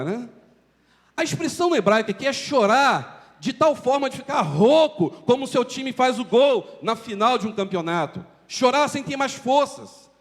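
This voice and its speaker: A man preaching a sermon in a church, pressing his point with rhetorical questions. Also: extremely high pitch. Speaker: pastor. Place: church sanctuary. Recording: long church reverb.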